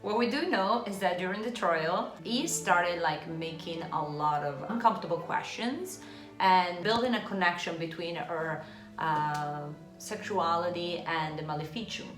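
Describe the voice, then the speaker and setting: Low-voiced woman explaining history. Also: unhurried, fairly bright tone. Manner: explanatory, hesitant with fillers. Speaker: art historian co-host. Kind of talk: casual explanatory chat. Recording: roomy room with faint music.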